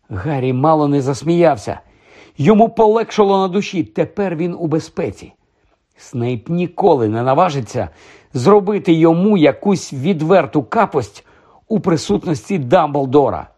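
A man narrating an audiobook in an expressive reading voice, often shifting his tempo. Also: a little high, husky.

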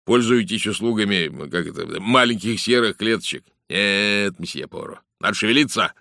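A brisk, blunt police inspector, as a male reader puts him on, talking in a matter-of-fact rush. The voice is low and deep. The audiobook reading is close and dry. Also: gravelly, pushed and bright, no room sound. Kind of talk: audiobook character voice.

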